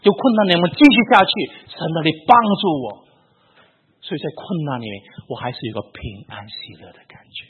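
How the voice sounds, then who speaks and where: An older man from Hong Kong, a professor, giving an animated personal faith testimony and posing rhetorical questions as he tells his story. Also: on the high side, brisk, slightly rough. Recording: tinny phone-like lo-fi sound.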